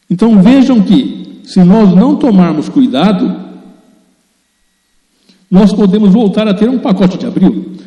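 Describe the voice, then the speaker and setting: A man's voice: on the high side, lo-fi sound. An Italian-born man, a native Italian speaker, giving earnest, emphatic spoken commentary that addresses his listeners directly. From Italy. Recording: roomy echo with long reverb.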